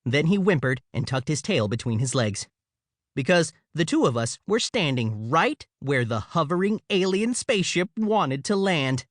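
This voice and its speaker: A man's voice: on the high side, big pitch swings, moderate pace, no echo, studio quality. A man narrating a children's audiobook in the first person, with playful, comic storytelling.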